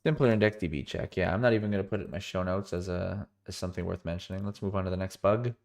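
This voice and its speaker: Talking fast, a man with a cold narrates a live coding session in a somewhat low, gravelly voice with a darkish tone. He sounds tired, muses aloud as he goes, and regularly corrects himself in the middle of sentences.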